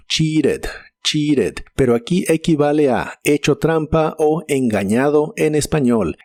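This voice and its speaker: A man's voice: mid-range voice, darkish tone, no echo. A man narrating a scripted English vocabulary lesson, carefully spelling out and repeating each word's pronunciation. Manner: slow, deliberate pronunciation drills. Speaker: English teacher.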